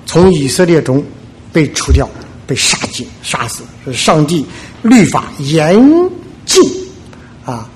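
A man preaching a sermon, retelling a story in lively fashion, acting out the characters and filling pauses with "ah". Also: a little high, slight background noise. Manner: animated retelling, acts out the characters, frequent filler "ah".

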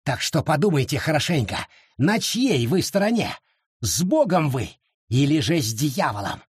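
A man's voice: big pitch swings, moderate pace, husky, no room sound, clean studio sound, exaggerated voice. A man voicing a furious grown man who shrieks accusations of witchcraft. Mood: threatening. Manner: shrill, frantic shouting.

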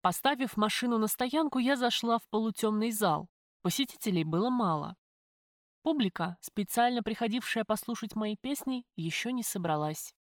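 A woman reading a first-person audiobook in an even, measured storytelling manner. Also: a little high, no echo, studio quality. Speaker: audiobook narrator.

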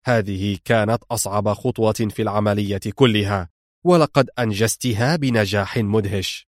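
A man's voice: lowish voice, moderate pace, no room sound, studio quality, close to an everyday voice. A man voicing a cold, commanding male spy mastermind, speaking sternly in an audiobook reading. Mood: pleased.

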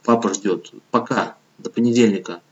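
A male audiobook narrator reading the lines of a dreamy young man about to leave for college, speaking softly and absently, on a dull lo-fi recording. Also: fairly low pitch, moderate pace, far from the mic, close to an everyday voice.

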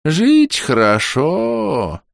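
A man voicing a lecherous old male ghost who drawls slowly in a bleating, blissful way. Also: fairly high pitch, huge pitch swings, gravelly, dry recording, clean studio sound, voice pushed up, exaggerated voice.

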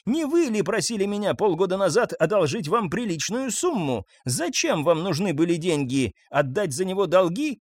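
Guy doing a snide drawling neighbour, raised pitch, mocking. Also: sing-song, normal speed, hardly any pauses, dry recording, studio quality. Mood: sneering. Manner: sneering, drawling. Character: sneering nosy middle-aged male neighbour.

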